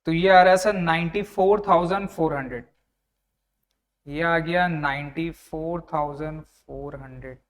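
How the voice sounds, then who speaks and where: A young man teaches an online class, and his voice sits a little high. He talks conversationally, repeating each figure and calling his students "sir" as he walks through the working. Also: fairly even intonation, unhurried. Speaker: tax tutor.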